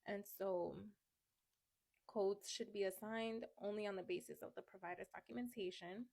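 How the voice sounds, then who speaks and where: Walking through medical coding guidelines one step at a time, a young woman who's a bit stuffed up from a cold keeps things chatty and casual. She has a mid-range, darkish voice with vocal fry, a steady tone and a moderate pace. The phone camera recording is dry.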